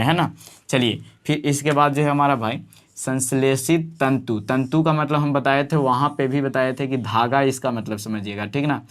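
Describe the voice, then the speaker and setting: Rambling Hindi-speaking science teacher. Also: male voice, mid-range voice. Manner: rambling, many fillers and tag questions. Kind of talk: casual classroom explanation.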